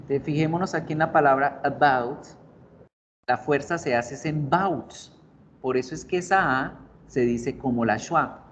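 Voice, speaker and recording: A man's voice: medium pitch, a bit bright. Man teaching English pronunciation. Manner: explains slowly, repeats words over and over for drilling. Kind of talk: online video class. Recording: slightly dull recording with faint noise.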